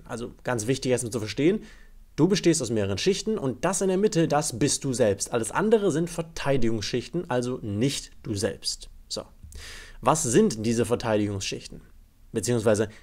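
A man's voice: mid-range voice, darkish tone. A young man working as a dating coach, giving an emphatic explainer lesson that speaks straight to the viewer. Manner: upbeat and emphatic, addresses the viewer directly.

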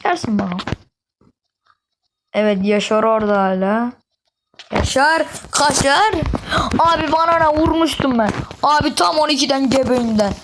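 A young woman giving excitable, casual commentary on her own game play to her viewers, with quick oaths when startled. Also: on the high side. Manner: excitable, swears under breath, talks to viewers. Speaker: gaming YouTuber. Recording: noisy home recording.

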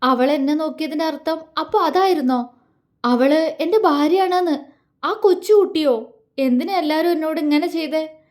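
A woman's voice: sits high, moderate pace, darkish tone, voice pushed up, close to an everyday voice. A woman voicing a grieving young man torn between two loves, pleading and anguished in an audio story. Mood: bitter. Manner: anguished, pleading inner monologue.

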